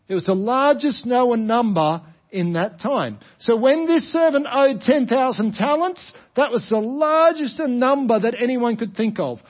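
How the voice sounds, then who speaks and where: Male preacher, Australian, high-pitched. Explanatory sermon delivery with emphatic repetition and rhetorical questions. Slightly muffled sound. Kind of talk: sermon, explaining a parable to a congregation.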